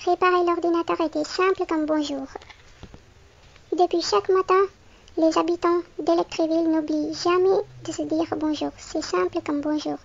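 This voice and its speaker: A woman reading a children's picture book aloud, clearly and expressively, as if to a young child. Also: very high voice, fairly even intonation, normal speed, dull audio. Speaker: storybook reader.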